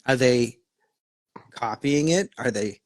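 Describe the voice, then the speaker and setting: A man's voice: mid-range voice, slow pace, no echo, studio quality. A man co-hosting a casual chat, laughing easily and exclaiming as he reacts.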